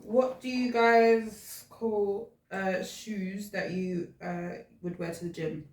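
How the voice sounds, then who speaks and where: A woman's voice: mid-range voice, fairly even intonation, slow pace, a little mellow. A woman chatting casually as she puts quiz questions to the hosts. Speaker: off-hand quizmaster putting questions to the hosts. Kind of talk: casual chat. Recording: echoey room, distant from mic.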